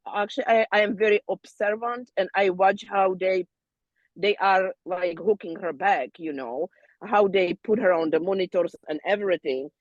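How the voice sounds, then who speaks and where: Halting woman telling a story over a call. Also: medium pitch, a little mellow, no room sound, highs cut off. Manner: halting storytelling with many fillers and restarts; non-native phrasing, loose grammar. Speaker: doula student. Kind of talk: casual birth debrief to peers.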